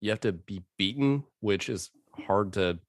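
Low male co-host, dry close mic, jokey and profane. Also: normal speed, dry recording. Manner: joking, swears freely. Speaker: podcast co-host. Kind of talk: casual chat.

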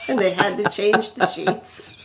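A woman's voice: medium pitch, unhurried, crowd noise. Woman podcast host, teasing and laughing, casual chat.

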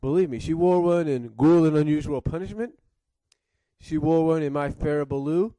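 A man's voice: fairly high pitch, normal speed, warm tone, no room sound. A man reviewing cartoons in casual commentary, rambling and circling back to rephrase, coughing now and then with a cough drop in his mouth.

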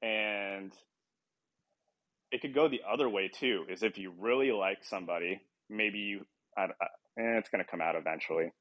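A man's voice: lowish voice, normal speed, a bit bright, no echo. A young man hosting a podcast, chatting casually in a rambling, self-deprecating way and laughing often, sounding a little tired. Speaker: podcast host. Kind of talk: casual chat.

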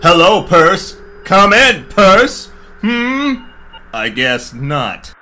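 A performer voicing a cocky, hardboiled space detective with gruff 1940s tough-guy wisecracks. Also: mid-range voice, big pitch swings, very slow, pushed and bright, slight background noise, full character voice. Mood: wisecracking. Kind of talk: parody radio-play acting. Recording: music bed under voice.

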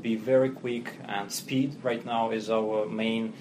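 A Russian man who heads a company speaks with a Russian accent as a guest on a podcast interview, his voice fairly low, flat and slow over background noise. His talk is plain and businesslike, fluent though clearly non-native, and full of fillers.

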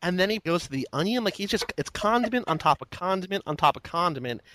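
A podcast co-host talking casually about a movie, relaxed and full of filler words. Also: mid-range voice, quick pace, a little hiss or hum, low-quality recording.

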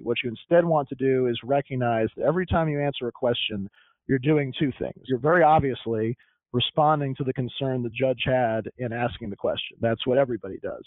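A man's voice: mid-range voice, dry recording. Man on a tinny phone-like line. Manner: measured, methodical, emphatic. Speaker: appellate lawyer and law teacher. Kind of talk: explanatory podcast discussion.

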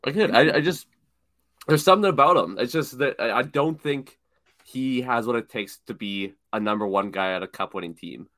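A young man co-hosting a casual sports podcast, talking in an animated, opinionated way and repeating words when he gets worked up. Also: mid-range voice, moderate pace, no echo, studio quality. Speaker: podcast co-host.

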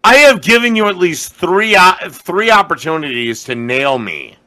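A man in his forties argues back in a sharp, bright, somewhat high voice. He is defensive and combative, tripping over restarts as he pushes his point. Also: sing-song, moderate pace. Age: 40s. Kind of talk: heated call argument.

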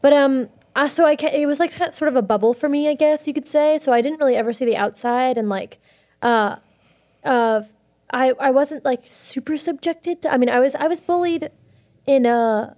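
A young woman chatting as a podcast guest, bubbly and quick, with many fillers and restarts. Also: sits high, a little mellow. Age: young adult. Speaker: guest actor. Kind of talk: casual podcast chat.

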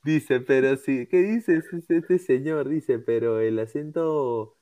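A man's voice: medium pitch, slow pace, mellow, no room sound. A man hosting a casual podcast panel, laughing as he reads out viewer comments, with a Peruvian Spanish accent. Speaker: podcast host.

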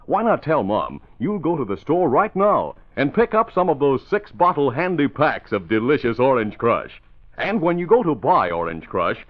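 A man announces a chipper 1950s-style radio ad with very animated, swinging intonation. His pitch to youngsters is folksy and enthusiastic. The sound is thin and narrow, like an old broadcast.

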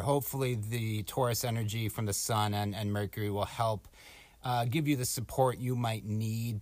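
A man chats as a podcast co-host in a dry, tight space. His talk is informal and musing, wandering from thought to thought at a middling pitch. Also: no echo. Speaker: podcast co-host giving astrology forecasts. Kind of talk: casual podcast chat. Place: small closet at home, door slightly open.

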